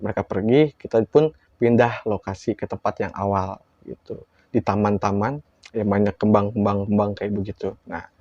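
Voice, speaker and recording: A man telling a horror story in a casual, lively way, acting out quoted lines with big jumps in his voice. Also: on the low side, moderate pace, dry recording, dull audio.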